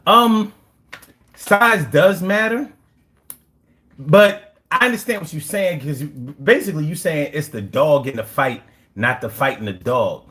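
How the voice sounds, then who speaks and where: A young man from Philadelphia, speaking with a Philadelphia accent, hosts a livestream and casually reads comments, brash, profane and boasting in street slang. His voice is on the high side, expressive and a little slow, with a bright, forceful tone.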